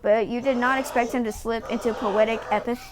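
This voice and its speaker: A woman's voice: a little high, fairly even intonation, fairly quick. A woman game streamer reading on-screen story text aloud and chatting in an amused way as she explains it. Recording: faint background noise.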